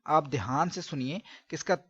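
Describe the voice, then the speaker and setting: A man's voice: fairly high pitch, normal speed, a bit bright, breathy edge. A man teaching Quran recitation step by step, from Pakistan, patiently drawing out syllables in drills. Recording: dry, dull lo-fi recording.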